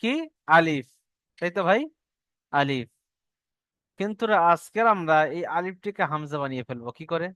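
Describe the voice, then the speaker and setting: Bengali male teacher, smooth tone, slightly higher voice, dry close sound, drills call-and-repeat. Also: normal speed, long pauses, fairly bright tone, no echo, highs cut off. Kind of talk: online Quran reading class.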